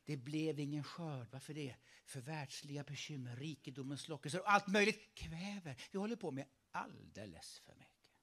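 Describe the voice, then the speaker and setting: Animated, high-voiced male preacher. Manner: animated, repeatedly urging listeners to pay attention. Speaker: pastor. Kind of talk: sermon.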